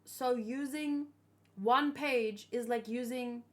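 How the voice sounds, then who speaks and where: Taking her time, this manga reaction host talks in a voice that's a little high. Her chat is loose and unscripted as she thinks out loud and poses questions.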